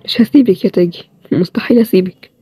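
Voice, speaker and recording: A woman playing a tired young man, Egyptian accent, low-key, fast, mellow dark tone. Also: slightly rough, dry recording. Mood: teasing. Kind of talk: storybook role-play series.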